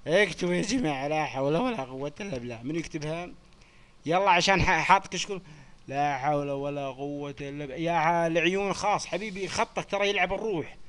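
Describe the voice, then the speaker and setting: A young man hosting a joking quiz on a live chat stream, teasing the players in quick banter. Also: fairly high pitch, fairly bright tone, a little hiss or hum. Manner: teasing, swears oaths, rapid banter with participants.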